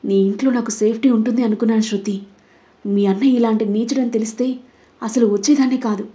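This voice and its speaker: A woman's voice: a little high, steady tone, fairly quick, dark tone, close to an everyday voice. A woman voicing a bold, cunning young woman who is trained in karate, in a Telugu audio story. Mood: feigned innocence. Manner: defiant, then feigning innocence.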